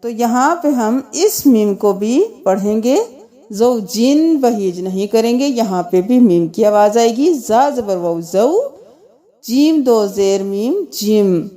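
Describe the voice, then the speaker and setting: Woman tajweed teacher, high mellow voice, spells out letters and vowels before slow melodic recitation. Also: lively intonation.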